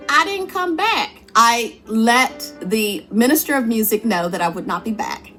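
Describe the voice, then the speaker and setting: Woman telling her church story, earnest and conversational, soft music low behind her. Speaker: church singer sharing her testimony. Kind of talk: personal testimony, storytelling.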